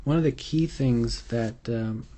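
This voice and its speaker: Over a set of slides, a man gives an unscripted medical exam tutorial, hesitant and riddled with fillers and restarts. His medium-pitched voice is mellow and a little slow, typical of an improvised instructional lecture.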